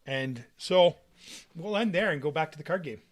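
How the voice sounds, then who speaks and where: A man's voice: a little high, expressive, moderate pace. A young man running a tabletop game as game master, loose and full of fillers. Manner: loose, filler-heavy narration.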